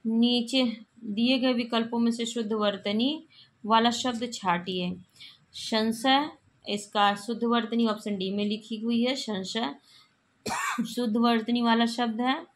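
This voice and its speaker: A woman's voice: a little high, fairly even intonation, slow pace. A woman teaching Hindi grammar, reading out exam spelling questions and explaining the correct forms, often repeating them with the odd cough.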